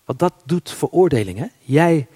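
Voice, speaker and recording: A man preaching a sermon, with a husky voice, swinging between loud emphatic lines and hushed, almost whispered ones. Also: a little high, lively intonation, normal speed, no echo.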